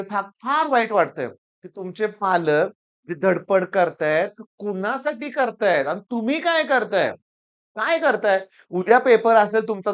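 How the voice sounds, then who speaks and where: A man's voice: high-pitched, fairly bright tone, clean tone. A middle-aged man who teaches at a coaching class, giving students a stern, scolding talk and repeating phrases for emphasis. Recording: dull lo-fi recording.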